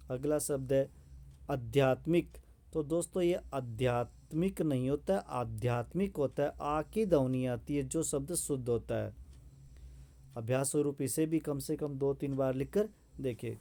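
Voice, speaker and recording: A man teaching correct Hindi spelling, saying each word slowly and repeating it for students to practice. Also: medium pitch, mellow. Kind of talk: spelling lesson.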